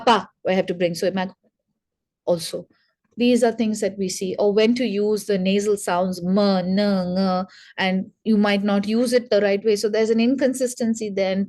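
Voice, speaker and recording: A woman's voice: medium pitch, a little mellow. A woman speech therapist giving an educational talk to parents, explaining in a conversational way and sounding out speech sounds as examples. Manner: addresses listeners directly, conversational asides.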